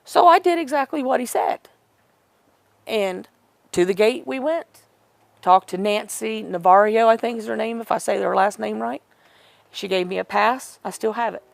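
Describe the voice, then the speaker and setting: A woman's voice: medium pitch, moderate pace, creaky, pauses often, no room sound. A middle-aged woman telling a personal story in an interview, rambling and emotional, acting out what others said. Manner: rambling, emotional retelling with quoted dialogue. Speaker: interview guest.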